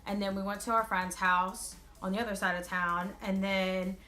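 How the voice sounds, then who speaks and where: A woman's voice: medium pitch, normal speed. A woman in her twenties, a vlogger telling a casual, chatty story and acting out bits of dialogue as she goes. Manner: animated retelling with quoted dialogue.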